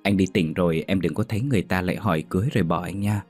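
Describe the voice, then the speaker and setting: A man reading a story, voicing a smooth-talking, manipulative young man who coaxes. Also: sits low, racing, darkish tone, faint music behind. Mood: coaxing. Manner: coaxing.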